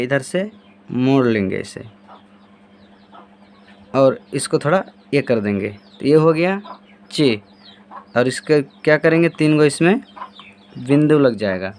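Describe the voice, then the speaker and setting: Higher-voiced man teaching handwriting. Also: a little hiss or hum. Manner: answers his own repeated questions while demonstrating. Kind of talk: step-by-step writing lesson.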